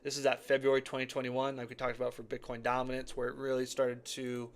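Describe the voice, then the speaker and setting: A man's voice: medium pitch, monotone, fast talker. A man hosting live crypto chart commentary, rambling and repeating himself, his voice slightly cracked. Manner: rambling, repeats phrases, says okay and right often. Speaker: crypto chart analyst host.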